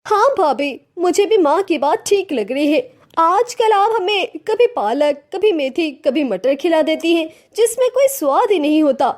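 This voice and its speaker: A woman's voice: very high voice, lively intonation, unhurried, hardly any pauses, a little mellow. A woman doing a whiny young sister-in-law. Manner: whiny, complaining.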